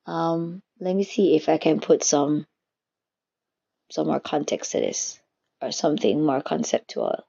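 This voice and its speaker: A woman's voice: low voice, expressive, unhurried, vocal fry, warm tone, husky. A woman giving a casual spiritual teaching, reflective and searching for her words as she goes. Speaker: faith teacher. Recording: dull lo-fi recording.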